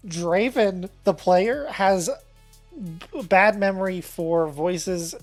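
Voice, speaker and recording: A man's voice: high-pitched, takes it slowly, soft background music. Joking, self-deprecating young male player. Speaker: player on the show. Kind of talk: casual behind-the-scenes chat.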